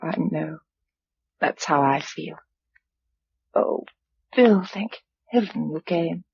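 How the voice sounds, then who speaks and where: An actress playing Josella, an affectionate, capable British young woman in a radio drama, emotional and wryly tender with a slightly breathy voice. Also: deep voice, takes it slowly, full character voice. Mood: tender, subdued. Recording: dull old radio recording.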